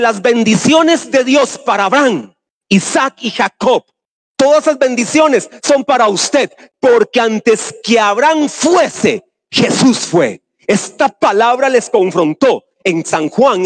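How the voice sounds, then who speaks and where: High-voiced man preaching a sermon. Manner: emphatic preaching, questions to the congregation; swings between slow stressed phrases and quick runs. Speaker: pastor.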